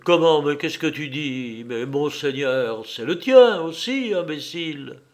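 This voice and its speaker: A man voicing a fussy, anxious gentleman who scolds his maid. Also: medium pitch, takes it slowly, lightly acted.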